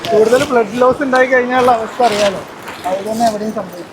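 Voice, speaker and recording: A woman's voice: a little high, fast, crowd noise. A woman casually vlogging to viewers, mixing English words into her Malayalam. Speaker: travel vlogger. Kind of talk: casual spoken vlog commentary. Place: outdoors on a trek. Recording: very noisy outdoor trail recording.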